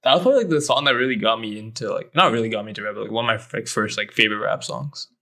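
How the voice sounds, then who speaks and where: A young man co-hosting a casual podcast chat, relaxed and laughing often between words. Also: fairly low pitch, racing. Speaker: podcast co-host running a lyric game.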